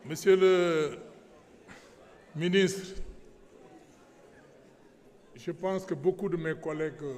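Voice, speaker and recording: Higher-voiced Senegalese man addressing a reverberant hall. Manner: emphatic, repeating himself for stress. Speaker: member of parliament. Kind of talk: parliamentary speech switching between French and Pulaar. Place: large parliamentary assembly hall. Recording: echoey large hall with long reverb.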